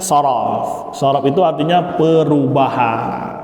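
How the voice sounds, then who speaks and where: A man's voice: mid-range voice, takes it slowly, a little mellow. A man teaching Arabic grammar in a mosque. He chants verb patterns in a sing-song rhythm and quizzes his listeners. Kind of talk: classroom lecture. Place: mosque hall. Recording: echoey reverberant mosque hall.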